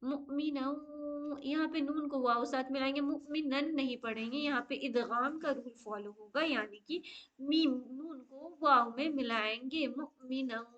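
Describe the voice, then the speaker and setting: High-voiced woman teaching recitation. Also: a bit bright, muffled recording. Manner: patient, explains step by step, often says okay; slow drawn-out chanted Arabic recitation. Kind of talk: online tajweed lesson.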